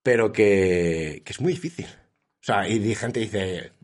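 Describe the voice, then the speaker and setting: Self-mocking male co-host with a breathy voice, rambling in casual talk. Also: on the low side, slow. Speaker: podcast co-host. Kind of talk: casual chat.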